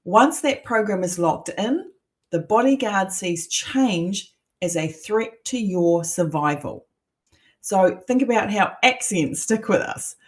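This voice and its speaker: A middle-aged New Zealand woman coaches an online masterclass, making her case emphatically and persuasively with rhetorical questions. Her mid-range voice is animated and slow.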